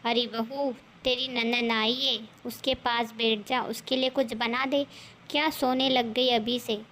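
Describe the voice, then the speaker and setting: A woman's voice: fairly high pitch, fairly even intonation, unhurried, a bit bright, a little hiss or hum. A woman voicing a bossy, scolding older mother-in-law in a cartoon story. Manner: scolding, taunting.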